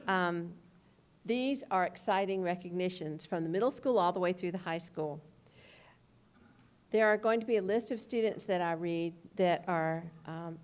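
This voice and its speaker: Woman, school official, somewhat low voice, careful reader of names at a board meeting. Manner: measured, careful name reading. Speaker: school official presenting awards.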